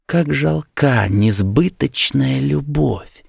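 A man's voice: mid-range voice, slow, vocal fry, breathy edge, dry recording, clean studio sound, pitched above the performer's own voice, heavily acted. A man voicing a young lovesick male student in a storybook reading, exclaiming with earnest rapture. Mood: bitter.

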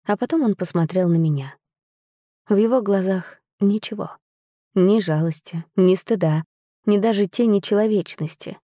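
A woman narrating a first-person fantasy audiobook in a dramatic, measured storytelling manner. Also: medium pitch, dark tone, no echo, clean studio sound.

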